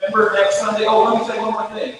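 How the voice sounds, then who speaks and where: A man's voice: high-pitched, flat delivery, fast, a bit bright. A man giving chatty church announcements in a sanctuary. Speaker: church leader making announcements. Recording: echoey church hall from far off.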